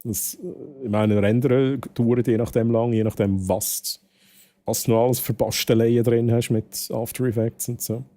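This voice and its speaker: A Swiss man with a Swiss German accent, a game livestreamer, chats casually with his viewers, rambling, repeating phrases and slipping in English words. His mid-range voice is steady and warm at a moderate pace.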